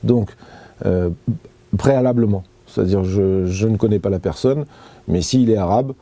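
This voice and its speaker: A man's voice: lowish voice, moderate pace, dark tone, dry recording. A man being interviewed, giving an earnest personal account with many hesitations and restarts. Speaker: interview guest.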